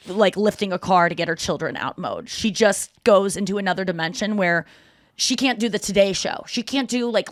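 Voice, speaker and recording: A woman's voice: medium pitch, dry recording. A woman in her late thirties hosting a podcast, chatting casually and jokily in a rambling way. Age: 30s. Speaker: podcast host. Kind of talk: casual chat.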